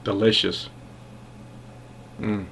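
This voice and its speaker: A man giving a casual product review as a pipe tobacco reviewer, musing in an unhurried, halting way with savoring enthusiasm. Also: fairly low pitch, little pitch movement, vocal fry, fairly bright tone, slightly rough.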